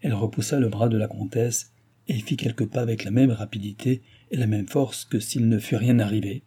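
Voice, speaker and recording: A man narrating a classic novel aloud in a measured, even storytelling manner. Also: fairly low pitch, slightly rough. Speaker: audiobook narrator.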